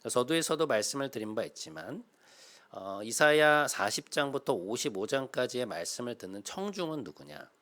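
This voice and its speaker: A male pastor in his thirties preaching a sermon, explaining patiently with frequent "uh" fillers and swelling to loud, emphatic calls. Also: mid-range voice, sing-song, moderate pace.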